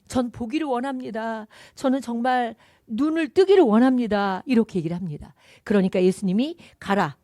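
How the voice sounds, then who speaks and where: Fervent high-pitched woman preacher. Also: dry recording, clean studio sound. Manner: fervent, rhetorical questions, acts out quotes. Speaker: pastor. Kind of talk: sermon.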